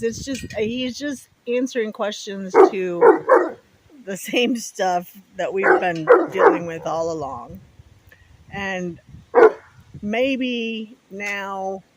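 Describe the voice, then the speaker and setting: A woman's voice: fairly low pitch, low-quality recording. A woman chatting casually to viewers outdoors in a folksy, rambling way, with wind on the mic. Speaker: vlogger. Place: outdoors at home, with pets around.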